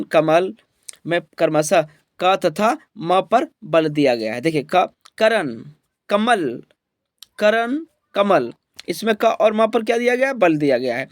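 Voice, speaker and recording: A man's voice: high voice, no room sound, clean studio sound. A man teaching a grammar exam lesson, asking the class questions and answering them himself, with frequent checks that they follow. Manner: repeats each point as a question and answer, "ठीक है?" checks.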